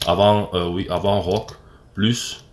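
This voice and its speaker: Speaking slowly in a deep, steady voice, a man with a Cameroonian French accent walks through an acting lesson in a screen-recorded tutorial. He uses fillers, restarts himself, and keeps checking in with "ok?"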